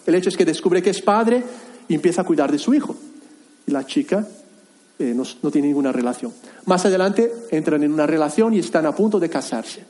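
A man pastor preaching a sermon in an earnest, halting way, with many pauses and restarts. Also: fairly high pitch, expressive, mellow. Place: church hall.

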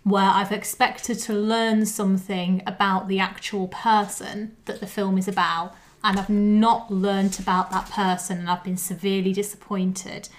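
A woman's voice: medium pitch, level tone, measured pace, few pauses. A woman co-hosting a film podcast in casual chat. She talks emphatically and laughs easily. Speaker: podcast co-host.

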